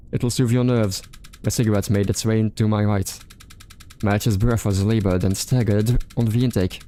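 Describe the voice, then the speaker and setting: A man's voice: fairly low pitch, warm tone, slight background noise. A male streamer reading a visual novel aloud, restarting stumbled words and chatting casually about the game. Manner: stumbling rereads, casual fillers.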